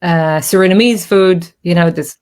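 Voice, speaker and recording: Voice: mid-range voice, moderate pace, a little mellow, smooth. Radio host, chill chat, short agreeable interjections and questions. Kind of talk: casual interview conversation.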